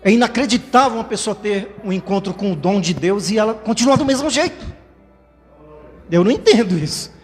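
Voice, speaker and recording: A male pastor delivers a fervent, conversational sermon, often checking in with his listeners mid-phrase. His voice sits notably high. It rings with a long hall reverb over faint background music. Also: lively intonation, fairly quick. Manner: fervent, conversational preaching with frequent "né?" tags. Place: church livestream.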